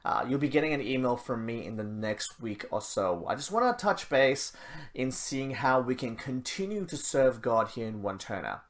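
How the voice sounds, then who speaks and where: A man serving as pastor gives church notices before his sermon, then leads a prayer. He talks in a chatty, self-deprecating way, dropping in quick asides. He is speaking at a church service that is streamed live. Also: medium pitch, lively intonation, fairly bright tone. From Malaysia.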